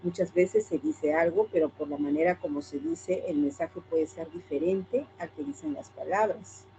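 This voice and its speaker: A woman's voice: on the low side, sing-song, normal speed, gravelly, mellow, a little hiss or hum, low-quality recording. A woman teacher with a Peruvian Spanish accent, lecturing a class and asking herself questions that she answers straight away. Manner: asks and answers her own questions.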